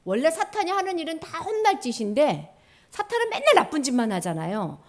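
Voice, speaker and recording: A woman preaching to children in a high, lively voice that leaps up and down. She keeps asking the kids questions and retells the story with animation. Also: a little fast. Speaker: children's pastor. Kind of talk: children's sermon.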